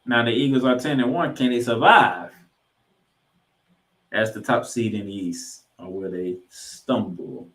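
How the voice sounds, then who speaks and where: Speaking slightly slowly, a man with a fairly low pitch and a fairly bright tone hosts a sports podcast recap. He leans hard on names and numbers as he goes through stats. The sound is roomy with echo.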